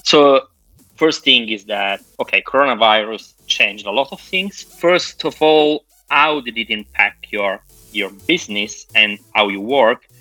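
A man's voice: lowish voice, bright, forceful tone, no echo, poor audio. A man moderating a podcast panel, searching for words in English.

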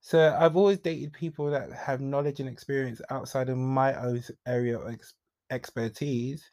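A man's voice: mid-range voice, steady tone, normal speed, a little mellow, dry recording. A young man, hosting a solo podcast and talking frankly and chattily, with confiding asides and bursts of emphasis. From Jamaica. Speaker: podcast host. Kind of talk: candid solo podcast monologue.

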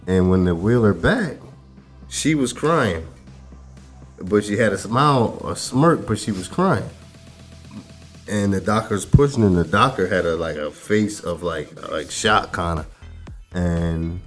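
A man's voice: deep voice, moderate pace, soft background music. A man in his thirties co-hosting a podcast, telling a long story in a laid-back, rambling way, with plenty of fillers and curses. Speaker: podcast co-host. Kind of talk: casual storytelling chat.

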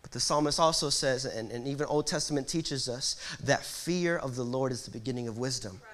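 A young man preaching a sermon as pastor, moving between hushed storytelling and loud, rising exhortation. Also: mid-range voice, a little fast. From Puerto Rico. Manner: dynamic preaching with big swings from hushed to loud.

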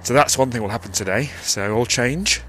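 A man's voice: medium pitch, brisk, fairly bright tone. Rambling man recording outdoors. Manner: rambling, self-correcting. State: out of breath walking uphill. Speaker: vlogger. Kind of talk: casual audio diary. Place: outdoors by a busy road. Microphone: handheld mic, cupped. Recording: outdoor street recording with traffic. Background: passing traffic.

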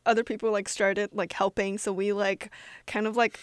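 A young woman co-hosting a podcast, chatting casually and telling stories in a giggly, animated way. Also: medium pitch, moderate pace, clean tone. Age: young adult. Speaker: podcast co-host. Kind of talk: casual chat.

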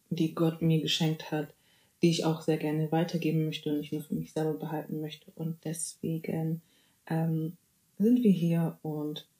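A woman in her twenties from Bavaria runs a chatty, playful solo podcast, mixing German and English phrases. She regularly throws in words of praise like "amen" and "hallelujah." Her voice is low and dark, and the sound is roomy.

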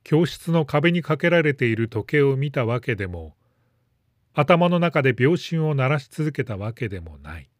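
A man reading a story aloud in a calm, measured narration. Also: mid-range voice, dry recording, clean studio sound. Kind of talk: scripted narration.

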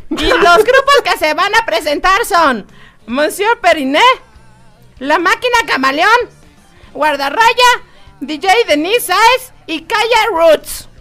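A radio performer voicing a goofy male cartoon lab mouse sidekick in a high squeaky voice, giggly and playful. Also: expressive, takes it slowly, sharp tone, faint music behind, full character voice. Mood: announcing. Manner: giggly, breaks into fake drunken wailing. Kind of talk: comedic radio bit.

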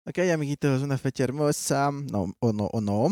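A young man hosting a casual comedic chat, playful and quick to laugh, with exaggerated greetings. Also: medium pitch, mellow, dry recording, studio quality. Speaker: podcast host.

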